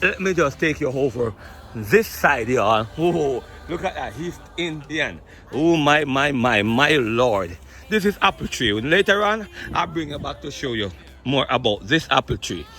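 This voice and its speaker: A man from Jamaica with a Jamaican accent, giving an excited walking-tour vlog outdoors among fruit trees. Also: a little high. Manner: exclamatory, excited, keeps repeating "look at this". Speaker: vlogger.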